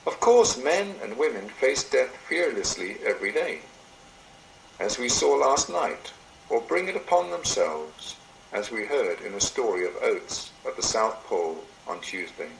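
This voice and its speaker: In an indoor room, a man reads aloud a meditation written by someone else, delivering it like a sermon in a mid-pitched, creaky voice. His phrasing is measured, solemn, and deliberate, yet lively rises and falls run through it. The amateur computer recording sounds roomy, with slight background noise.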